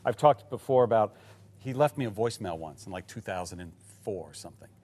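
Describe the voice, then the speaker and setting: A man's voice: lowish voice, animated, fast, a little mellow. A man in a press interview speaking earnestly about working with someone.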